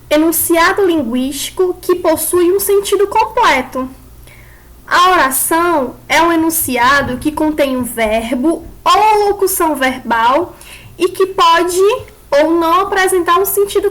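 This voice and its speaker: A woman's voice: very high-pitched, expressive, measured pace, a bit bright. A woman teaching an online class, explaining step by step and putting questions to her pupils.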